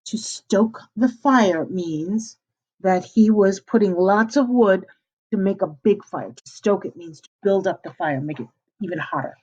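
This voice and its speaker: Here a husky-voiced, middle-aged woman teacher reads a children's storybook a little slowly, at medium pitch. Warmly, she breaks off to explain word meanings, over a somewhat dull lo-fi recording.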